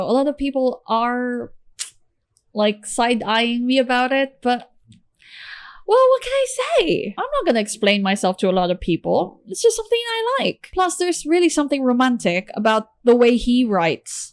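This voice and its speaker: Chirpy high-voiced woman chatting about books. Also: dry recording, clean studio sound. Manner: chirpy, playful asides and exclamations. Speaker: book vlogger showing a book haul. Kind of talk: casual chatty book haul.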